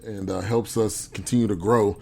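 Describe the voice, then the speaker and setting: A man's voice: lowish voice, steady tone, normal speed, creaky, darkish tone, soft background music. A man hosting a casual interview show, friendly, with loose phrasing and frequent repeats. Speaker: show host.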